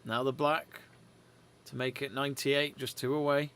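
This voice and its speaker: A man hosting a live snooker watch-along, giving measured, conversational play-by-play commentary. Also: mid-range voice, flat delivery, a bit bright, clean tone.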